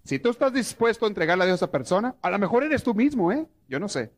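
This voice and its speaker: Talking at a quick pace in a high-pitched voice, a priest leads a live prayer course. His storytelling is animated, and he puts questions to the audience.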